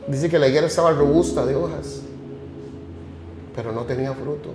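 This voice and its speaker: A man's voice: on the high side, a little fast. Fervent man preaching over music. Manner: fervent, many rhetorical questions. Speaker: podcast host. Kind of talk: sermon-like commentary. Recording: echoey room with music behind.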